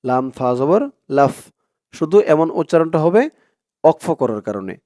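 A man teaching Quran reading, stretching out syllables slowly and then explaining rules in quick asides, with a Bangladeshi Bengali accent. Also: a little high, lively intonation, warm tone, no echo, clean studio sound. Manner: slow drawn-out recitation alternating with quick explanations. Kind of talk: Quran recitation lesson.

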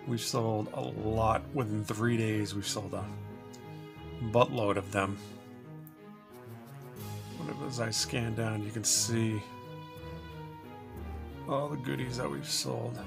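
Gravelly man chatting through a vlog. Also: fairly low pitch. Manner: chatty, rambling, asks viewers for help. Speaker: storage unit reseller. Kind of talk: casual vlog walkthrough. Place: cluttered home storage room.

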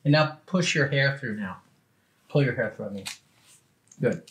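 A middle-aged chiropractor gives a patient short, plain, casual hands-on instructions in a small indoor treatment office. He speaks at normal speed in an animated, medium-pitched voice with a fairly bright tone. The room is clearly noisy, with clicks.

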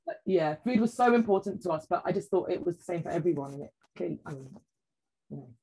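A woman, a food writer chatting as a podcast guest and telling lively stories with many "like" and "you know" asides. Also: lowish voice, quick pace, breathy edge, rough recording. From England. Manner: animated storyteller, acts out quoted voices, frequent "like" and "you know". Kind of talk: casual chat.

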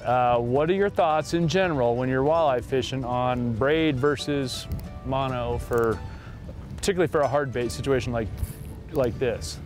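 A man's voice: medium pitch, moderate pace, faint music behind. A middle-aged man hosting a fishing show from a boat on a lake, talking casually to viewers he calls guys. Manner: chatty, addresses viewers as guys. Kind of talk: casual on-the-water fishing commentary.

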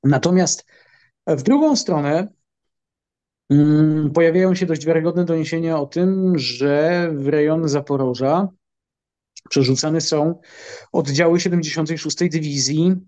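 Middle-aged guy analyzing the war, slow and careful, lots of ums, voice a bit high. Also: warm tone. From Poland. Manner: measured, halting, many filler pauses. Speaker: military analyst guest. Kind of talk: interview answers.

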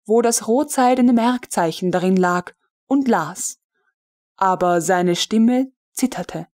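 Slow, measured woman audiobook narrator. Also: on the high side, darkish tone. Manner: measured, deliberate storytelling. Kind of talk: scripted literary narration.

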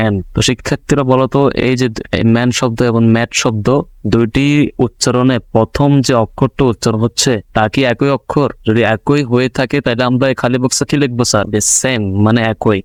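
A man's voice: mid-range voice, no echo. Patient Bangladeshi man teaching small children. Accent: Bangladeshi Bengali. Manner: patient, repetitive, asks and answers his own questions. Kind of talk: online video lesson for young pupils.

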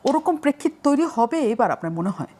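A woman's voice: on the high side, very animated, fast talker, warm tone. A woman hosting a political discussion, putting questions to guests with hesitant fillers. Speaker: talk show host.

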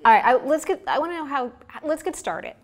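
A woman's voice: high-pitched, very animated, brisk. A woman hosting a studio interview, asking engaged, leading questions of her guest. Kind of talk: interview conversation. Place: bright studio set, seated in armchair.

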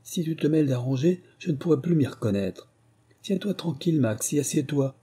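A man reading an audiobook and voicing a clever, confident young Parisian woman who plays detective, in a brisk, teasing manner. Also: a little high, expressive, mellow, breathy edge, pitched above the performer's own voice. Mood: merry. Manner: brisk, teasing, deducing aloud.

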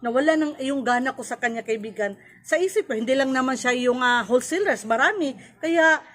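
This Cebuano-accented woman, a store-owning vlogger from Cebu, Philippines, has a high-pitched, somewhat bright voice and talks a little fast. She chats casually with viewers, offering advice while blending in English and often tacking on "no?" and "kaibigan."

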